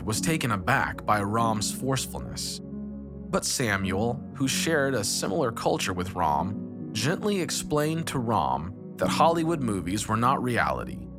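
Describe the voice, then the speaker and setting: Male narrator, deep and expressive, scripted devotional narration with music underneath. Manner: measured storytelling with lively intonation. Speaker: narrator of a devotional story podcast. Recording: narration over clear background music.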